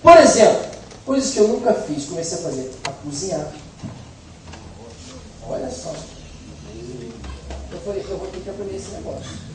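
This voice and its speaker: A man's voice: sits high, sing-song, normal speed, pauses often. A middle-aged man from Brazil preaching a sermon, with humorous, conversational storytelling. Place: church hall. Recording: echoey hall from far off, faint noise.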